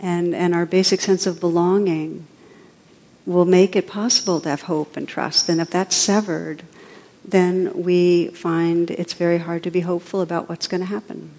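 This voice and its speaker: A woman leads a spiritual talk in a low voice that stays level and unhurried, rarely rising or falling. Her soft, reflective phrasing rings out with a long reverb, as if she is speaking in a large hall. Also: little pitch movement. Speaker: meditation teacher. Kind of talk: spiritual talk with guided meditation.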